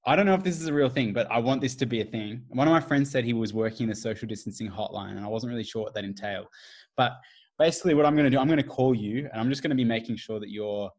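A man's voice: medium pitch, fast talker. Easygoing male podcast host. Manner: hesitant, full of ums. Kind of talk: casual chat.

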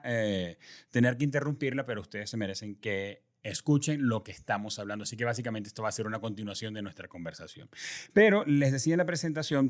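A man hosting a podcast interview, introducing his guest in a polished, courteous way. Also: mid-range voice. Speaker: podcast host.

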